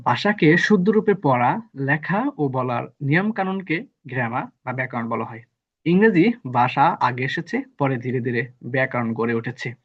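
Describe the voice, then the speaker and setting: A man's voice: mid-range voice, animated, moderate pace, lo-fi sound. A man teaching English grammar basics in a patient, repetitive way, from Bangladesh. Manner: patient, repeats terms to drill students. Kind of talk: explaining a live online lesson.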